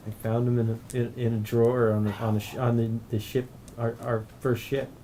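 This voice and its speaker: A man at a tabletop game table, feeling his way through plans with hesitant, halting phrases. Clear background noise runs under his mid-pitched voice in a home garage. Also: flat delivery. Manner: hesitant, trailing off. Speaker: player. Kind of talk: casual in-character play.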